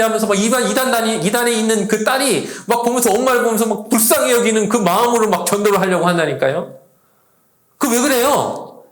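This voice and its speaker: A man pastor preaching a sermon to a youth service, lively, acting out the voices he quotes. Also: high voice, reverberant. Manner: animated, acts out quoted voices. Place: church sanctuary.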